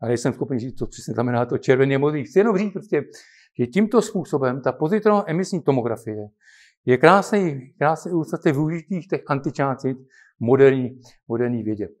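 An older man giving an informal physics lecture in a halting, conversational way, with frequent restarts. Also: medium pitch, lively intonation, a little mellow.

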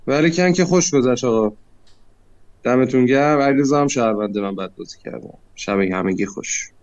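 A man's voice: medium pitch, no room sound. Self-critical man in a muffled call. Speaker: player in an online mafia game. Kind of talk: casual game recap. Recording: dry lo-fi online call audio.

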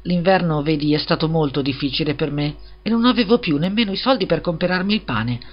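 A man's voice: on the high side, close to an everyday voice. A man reading a storybook and voicing a little, humble, eager-to-please peasant gardener in a meek voice. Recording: slightly dull lo-fi recording.

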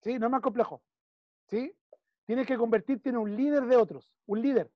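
A man's voice: very high voice, normal speed, dry recording, dull audio. A man with a Chilean accent coaching a client one-on-one, emphatic and repeating key phrases while he checks in. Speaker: business consultant.

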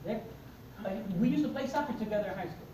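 In a very high voice and at a quick pace, a middle-aged Mexican motivational speaker whose first language is Spanish tells his life story, lively and acting out the dialogue. A camera far off in the seated audience records the echoey conference room with background noise.

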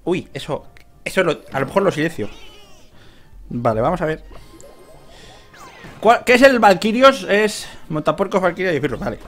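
A man with a Spain Spanish accent commentates his own game in a casual, excitable way, his voice sitting a little high. He swings between muttering to himself and yelling at the screen, with soft music playing underneath. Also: moderate pace, long pauses. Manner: excitable, shouts at the game, swears and laughs. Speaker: gaming youtuber.

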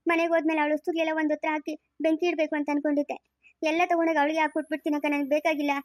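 A woman's voice: sits high, little pitch movement, rapid-fire, no echo, clean studio sound, lightly acted. A woman playing a grieving young village woman who has lost her family, pleading and sobbing in a family moral drama. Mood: bitter.

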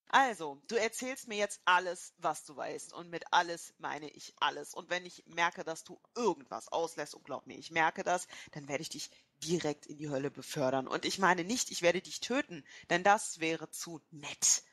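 A woman voicing a young female shadowrunner who coldly threatens a captive, at times in a hiss. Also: low voice. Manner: cold, threatening, drops into hissing whisper.

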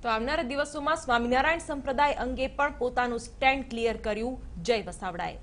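A woman's voice: fairly high pitch, a little fast, fairly bright tone, a little hiss or hum. A woman news reporter, reading a formal voice-over.

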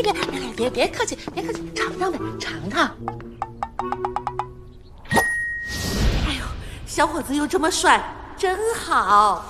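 A fussy, doting middle-aged auntie in a TV drama, coaxing and chattering in a very high voice that swoops up and down. Clear drama music plays under her. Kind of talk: TV drama acting.

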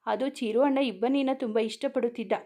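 Woman reading as a young woman, defensive, explaining, fairly high voice. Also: steady tone, brisk, warm tone, lightly acted. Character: young woman, guilty sister explaining herself.

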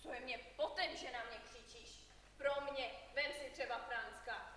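A woman's voice: a little high, fairly even intonation, natural voice. A woman acting a blunt, teasing village aunt, declaiming for a stage audience. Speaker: stage actor. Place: theatre stage. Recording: echoey theatre hall, distant mic, faint noise.

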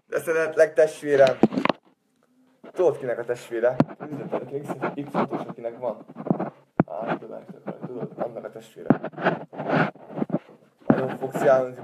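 A man on a live stream, boisterous and swearing, who turns soft and sentimental in his farewells. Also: medium pitch, noisy background. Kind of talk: rambling live-stream monologue.

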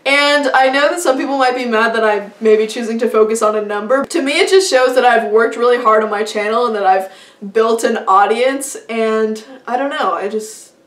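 Talking at a normal speed in a fairly high voice, a young female vlogger keeps things chatty and upbeat, filler words and all. She's in a small indoor room before a plain wall, and the distant recording carries reverb.

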